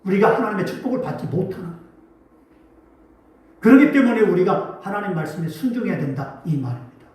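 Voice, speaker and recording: A male pastor with a high, lively voice preaches emphatically, quizzing his congregation. He is heard from a distance in a very echoey sanctuary. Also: quick pace, pauses often. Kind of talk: sermon. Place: church sanctuary.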